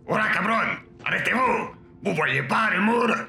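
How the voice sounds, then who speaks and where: A man's voice: sits high, animated, measured pace, pushed and bright, reverberant, soft background music, full character voice. A man playing a blustering, bossy costumed guard in a cartoon, full of exclamations.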